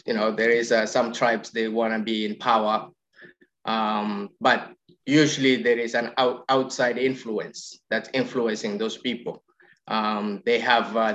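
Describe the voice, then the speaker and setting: A man from Somalia, raised in Kenya, explaining things in a measured way as an interview guest. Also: mid-range voice, fairly bright tone, muffled recording. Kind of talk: casual interview chat.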